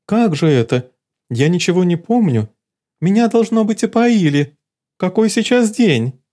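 A man's voice: sits high, animated, measured pace, warm tone, voice pushed up. A male narrator voicing a vain, fickle female cat who thinks she is a princess, speaking in a haughty, theatrical way. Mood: alarmed. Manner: haughty, theatrical and easily outraged.

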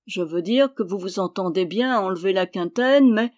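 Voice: mid-range voice, normal speed, a little mellow, close to an everyday voice. A reader voicing an impudent, mocking male dwarf jester in an audiobook, cheeky and teasing, speaking in riddles. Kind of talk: audiobook character reading.

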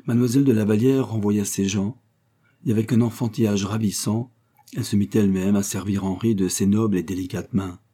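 Brief: male audiobook narrator, dark warm tone, husky grain. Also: fairly low pitch. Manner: measured, even storytelling. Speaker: audiobook reader. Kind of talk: scripted narration.

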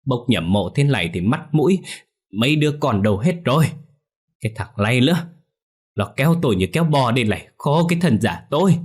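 A man's voice: mid-range voice, expressive, brisk, slightly rough, pitched above the performer's own voice. A man voicing an older village fortune-teller who grumbles and complains. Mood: grumbling.

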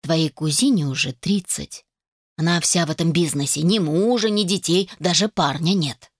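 A fussy, doting middle-aged mother who nags and insists, voiced by a woman reading an audiobook. Her voice sits a little low and is recorded close and dry, with no room around it. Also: moderate pace, dry recording. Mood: disapproving. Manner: nagging, insistent. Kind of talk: audiobook character voice.

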